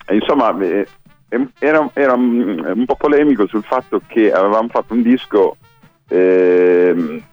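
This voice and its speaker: Low-voiced man over a phone line. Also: moderate pace, dry recording, faint music behind. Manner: hesitant, many fillers. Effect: heard over a phone line. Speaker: musician guest. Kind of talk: casual interview chat. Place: home kitchen.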